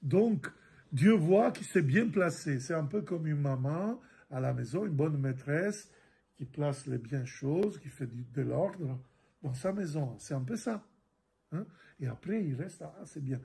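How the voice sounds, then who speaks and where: A middle-aged priest gives a catechism lesson, reading scripture and then explaining it. His voice sits a little high for a man and has a husky, gravelly grain. He talks very slowly, stumbling over words and repeating them as he works through each passage. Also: animated, dark tone. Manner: slow, halting, repeats words, many fillers.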